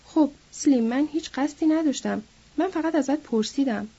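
A woman's voice: high-pitched, warm tone, dull audio, voice pushed up. A woman voicing an angry, picky young ranch man in a read-aloud story, in snapping, scornful lines. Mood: defensive.

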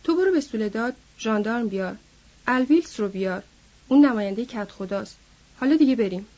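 A woman voicing a hot-headed, vengeful young man who issues angry threats, in a husky voice. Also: a little high, animated. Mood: cold commanding. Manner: shouting, furious threats. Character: hot-headed young male ranch boss's son, vengeful. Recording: dull lo-fi recording.

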